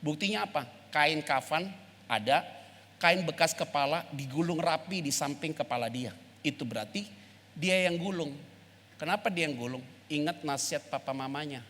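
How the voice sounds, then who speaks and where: A man preaching a casual, animated sermon as pastor, slipping into English phrases and acting out dialogue. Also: a little high, moderate pace. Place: church sanctuary. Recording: long church hall reverb.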